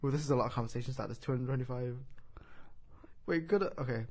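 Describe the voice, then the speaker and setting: A man's voice: fast talker, darkish tone. Giggly joking man hosting a podcast. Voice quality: squeaky voice. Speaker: podcast host. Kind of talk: casual chat. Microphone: studio podcast mic.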